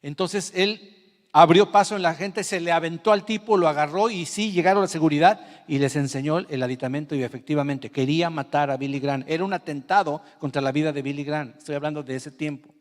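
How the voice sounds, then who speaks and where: A man with a Mexican Spanish accent preaches a sermon, his fairly high voice carrying a long reverb from a church hall. He tells his story with feeling, dropping quiet and then climbing loud. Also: fairly even intonation, a little fast. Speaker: pastor.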